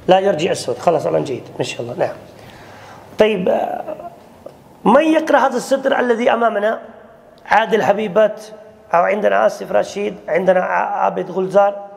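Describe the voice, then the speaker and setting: High-pitched and gravelly with vocal fry, this online grammar teacher comes from Kashmir and speaks Kashmiri as his first language. Calling on students by name, he halts and restarts phrases, and his readings from the text are slow and stretched out.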